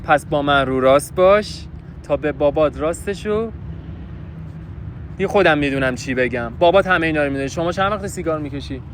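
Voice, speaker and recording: A man's voice: a little high, slight background noise. A young man doing a hidden-camera street prank outdoors in a park, with a brash, pushy, mock-scolding way of talking. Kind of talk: street prank, teasing banter. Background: background music.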